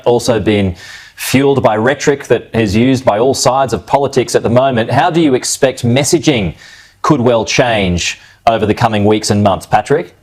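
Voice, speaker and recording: A man's voice: mid-range voice, a little mellow. A man hosting a news interview in a conversational, somewhat hesitant way, often ending his points with tag questions.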